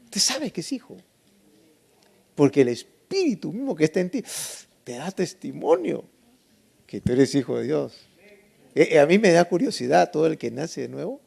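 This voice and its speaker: A man's voice: on the high side, big pitch swings, moderate pace, gravelly, a little mellow, husky. A man preaching a Bible lesson sermon, emphatic and asking the congregation rhetorical questions.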